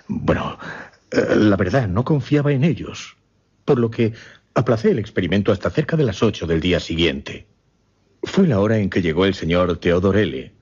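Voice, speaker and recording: Playing a grave gentleman hypnotist who tells of his macabre experiment, a male radio drama actor speaks in a low, slightly mellow, breathy full character voice. His narration is formal and deliberate with dramatic pauses; the audio is lo-fi and a bit muffled.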